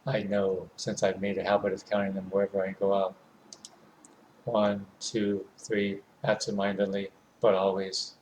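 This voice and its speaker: Narrating a horror visual novel in first person, a man speaks in a lowish, very flat, hushed voice, measured and broken by pauses between phrases. The home recording is low quality, with faint background noise.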